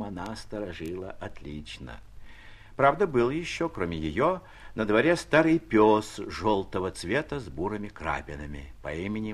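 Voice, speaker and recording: A man reading a classic story aloud in expressive scripted narration, sometimes dropping to a whisper. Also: lowish voice.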